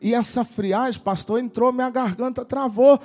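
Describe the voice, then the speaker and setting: A man voicing a young man who has nearly lost his voice and speaks hoarse, nasal and faint. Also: very high-pitched, fairly even intonation, moderate pace, darkish tone, long reverb tail. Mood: hoarse, complaining.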